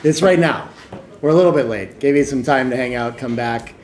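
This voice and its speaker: A man hosting a live tournament stream in a casual, joking way, often trailing off into quiet asides. The room is echoey. A faint noise runs underneath. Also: mid-range voice, brisk.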